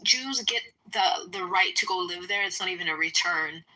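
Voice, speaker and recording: Woman with a sharp, lowish voice. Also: normal speed, low-quality recording. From United States (Kentucky). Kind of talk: informal political debate.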